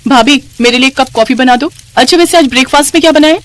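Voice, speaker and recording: A woman voicing a spoiled, scheming young sister-in-law in an animated storybook, with a shrill, sneering, bossy manner. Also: fast talker, slight background noise, close to an everyday voice.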